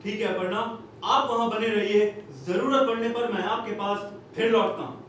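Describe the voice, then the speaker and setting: An actor on stage playing a male TV news anchor, with a formal, crisp newsreader delivery. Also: sits high, steady tone, normal speed, a bit bright, slight background noise. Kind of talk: stage play acting. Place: theatre stage. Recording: echoey hall, captured from far off.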